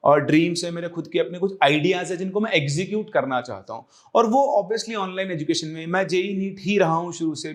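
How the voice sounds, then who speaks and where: A young man and coaching teacher explaining a career decision to viewers, earnest and reassuring, slipping English phrases in. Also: high-pitched. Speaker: online exam coaching teacher.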